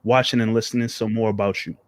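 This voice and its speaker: A man's voice: on the low side, little pitch movement, fast talker, no echo. A man co-hosting a podcast interview over a video call, speaking in an upbeat, encouraging way. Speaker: podcast co-host. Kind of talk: casual interview.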